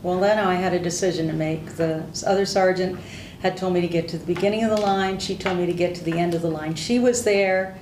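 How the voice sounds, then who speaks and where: Speaking a little fast with a fairly low, steady and darkish voice, an older native Hungarian-speaking woman gives a candid, plain-spoken account of her service. The veteran's oral history interview is recorded from a distance, with slight background noise and a roomy echo.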